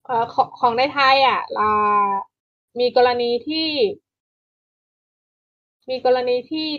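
A woman's voice: fairly high pitch, slow pace, highs cut off. A woman co-hosting a casual podcast chat, talking things through, often restarting and repeating words as she explains. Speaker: podcast co-host.

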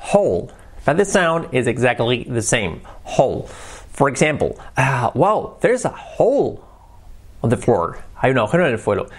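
A man with a Spanish accent from Spain leads an English vocabulary lesson, switching between Spanish and English as he goes. He slows down to spell words letter by letter and repeats each one several times. He sounds like a young adult teacher talking straight to his students. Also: medium pitch.

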